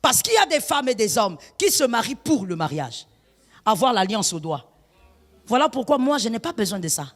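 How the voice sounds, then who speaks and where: A woman pastor, preaching an emphatic sermon full of rhetorical questions, slipping in Lingala phrases and shouting at the high points. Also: big pitch swings, moderate pace, in a large hall.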